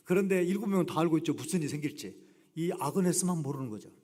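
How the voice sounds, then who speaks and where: A man's voice: fairly high pitch, animated, very fast, warm tone. A man preaching a sermon as a guest pastor, telling stories animatedly and acting out the voices of the people in them. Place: church sanctuary. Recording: long church reverb.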